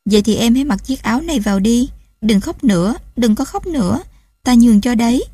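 A woman voicing a dazed, mentally lost young mother in a storybook reading, speaking softly and caringly. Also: fairly high pitch, lively intonation, fairly quick, slightly rough, dry recording, clean studio sound, voice pushed up. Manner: soft, caring and distracted.

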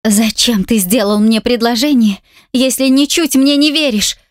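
A woman reading an audiobook voices a frightened young woman with a high, tearful, strained voice. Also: moderate pace, no room sound, clean studio sound, natural voice. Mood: pleading. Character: frightened young woman pleading, then defiant.

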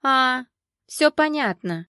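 A woman's voice: high voice, lively intonation, takes it slowly, pushed and bright, no room sound, clean studio sound, voice pushed up, full character voice. A woman voicing a serious, practical young woman who mutters her thoughts to herself, in an audiobook. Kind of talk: audiobook character voice.

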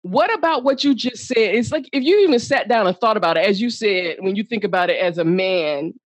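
A woman guest in casual chat, an animated storyteller who acts out quotes, swears freely and laughs often. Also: mid-range voice, fairly quick, dry recording.

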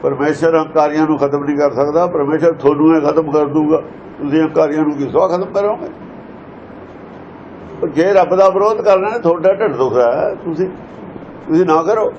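A man with a somewhat high voice explains scripture verses, stressing points and firing rhetorical questions at his listeners. The recording is dull and lo-fi, with a faint hiss underneath. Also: brisk, a little mellow. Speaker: scripture teacher.

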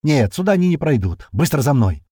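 A commanding young woman soldier, as a male audiobook reader puts her on. She snaps short orders in a lifted, husky voice with a lot of movement in it. The recording is close and dry. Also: a little high, sing-song, a little fast, warm tone, dry recording, voice pushed up.

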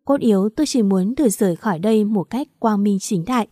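A woman narrating a first-person story aloud in a steady, even reading. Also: medium pitch, quick pace, no echo, clean studio sound. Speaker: audiobook narrator.

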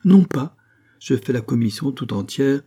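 A man's voice: mid-range voice, moderate pace, warm tone, close to an everyday voice. A man voicing an eager young peasant man who earnestly pleads his case in an audiobook reading.

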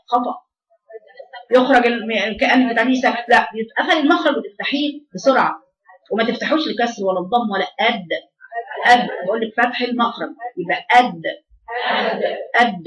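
A woman with an Egyptian accent teaching Quran recitation to a class of girls, correcting them and repeating each sound to demonstrate. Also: fairly high pitch. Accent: Egyptian Arabic. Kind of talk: tajweed lesson to a class. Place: classroom with air conditioners. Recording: roomy, distant, dull recording.

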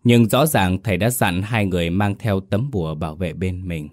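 A man narrating a horror story in a measured, suspenseful storytelling voice. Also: low-pitched, a little mellow, no echo, studio quality.

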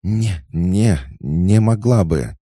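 A man's voice: deep voice, animated, a little slow, mellow, no room sound, studio quality, voice pushed up. A man voicing a timid but stubborn young girl who stammers and talks shrilly. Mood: defiant.

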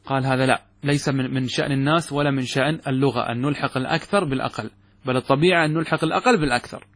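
A man's voice: mid-range voice, racing, a bit bright, dry recording. A man teaching Arabic grammar in a lecture. He reads from the text, then explains it and asks his listeners rhetorical questions.

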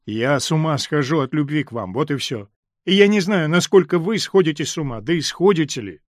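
A man's voice: a little high, animated, fairly quick, dry recording, studio quality, natural voice. A male reader voicing an impatient, insistent man in love, ashamed of deceiving a friend.

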